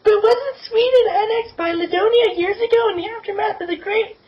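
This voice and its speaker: A man voicing a worried teenage girl in a squeaky falsetto, in an amateur fan reading. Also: brisk. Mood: anxious. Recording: muffled lo-fi with faint hiss.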